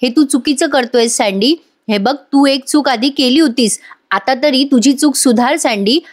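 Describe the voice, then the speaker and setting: A woman's voice: sits high, moderate pace. A woman voicing a kind elder woman who scolds and advises a man, in a TV serial recap. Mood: admonishing. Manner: admonishing, moralizing.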